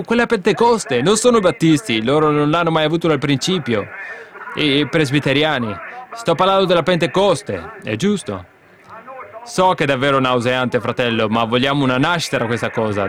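Fervent male preacher. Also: medium pitch. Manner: fervent preaching with sudden emphatic outbursts and hushed asides. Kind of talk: sermon.

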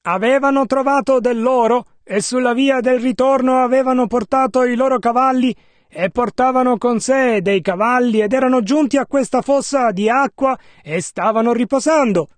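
A man renders a preacher's sermon line by line in a steady, measured voice. His pitch is very high. The sound is dry and close, with no room around it. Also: no room sound. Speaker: interpreter. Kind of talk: sermon interpretation.

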